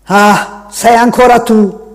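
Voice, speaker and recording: A reader voicing a brooding grown man in an audiobook, barking short lines loudly and slowly. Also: medium pitch, fairly even intonation, in a large hall, pitched above the performer's own voice. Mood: harsh. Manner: loud, slow, harsh barks. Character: gruff brooding grown man, harsh and curt.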